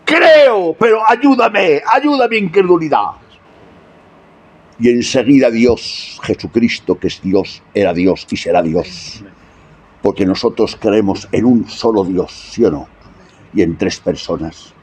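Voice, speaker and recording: A man's voice: low-pitched, unhurried, mellow, husky. A man preaching a sermon, often asking the congregation rhetorical questions.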